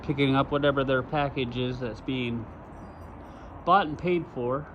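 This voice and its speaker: A man from Arizona delivers a slow, emphatic outdoor vlog and hammers his points through repetition. The recording is dull and lo-fi, with loud traffic and outdoor noise behind him. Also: medium pitch. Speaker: vlogger.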